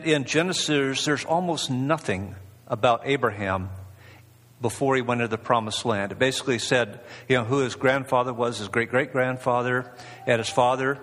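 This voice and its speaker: Male preacher, husky mid-pitched voice, casual rambling delivery, long hall echo. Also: fairly bright tone. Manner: rambling, conversational, many fillers and restarts. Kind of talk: informal sermon.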